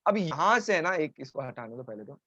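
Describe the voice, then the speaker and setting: A man's voice: a little high, sing-song, a little fast, pushed and bright, no echo. Man teaching chemistry in a lo-fi live stream. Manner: talks to students, breaking off to answer chat complaints. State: sore throat. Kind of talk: live online chemistry lesson. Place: home, streaming over mobile data.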